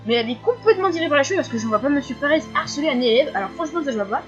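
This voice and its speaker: A fifteen-year-old girl answering viewer questions in a casual vlog, talking fast with many fillers and frequent giggles. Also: high voice, expressive, highs cut off, faint music behind. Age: teens.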